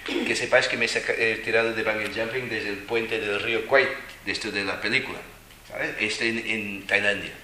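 Animated man telling stories. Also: fairly low pitch, moderate pace. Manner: animated, laughing, playful voices when quoting. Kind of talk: storytelling to a live audience. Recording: echoey room, faint noise.

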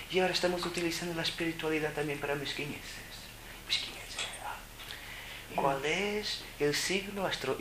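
Guy doing a spiritual talk to a crowd, jokey, keeps throwing questions, echoey hall, noisy room. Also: on the high side. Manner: animated, joking, full of rhetorical questions. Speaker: spiritual speaker. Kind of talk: live spiritual talk to an audience. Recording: roomy hall with ambient noise.

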